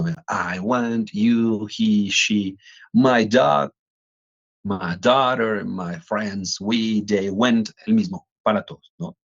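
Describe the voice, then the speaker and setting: A man's voice: medium pitch, fairly bright tone. A man, an English instructor explaining pronunciation in a class, often checking in with "¿no?". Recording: dull lo-fi audio.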